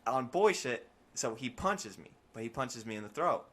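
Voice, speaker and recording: A young man in casual podcast chat, telling animated stories full of slang and swearing. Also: medium pitch, moderate pace. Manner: animated storytelling, slangy and profane. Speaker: podcast host.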